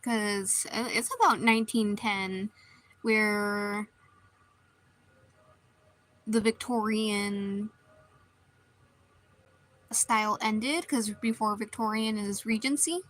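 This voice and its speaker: A woman's voice: mid-range voice, steady tone, takes it slowly, pauses often, fairly bright tone, poor audio. A woman streamer chatting casually while she draws, rambling and restarting her sentences often. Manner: rambling, meandering, many restarts.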